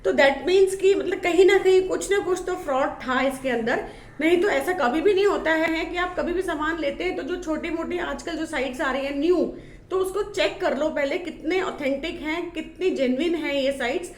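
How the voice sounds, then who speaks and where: Chatty woman vlogger with a high voice. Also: moderate pace, roomy sound. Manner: chatty, filler-heavy, complaining about poor product quality; showing items while talking. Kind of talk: casual vlog talk to camera.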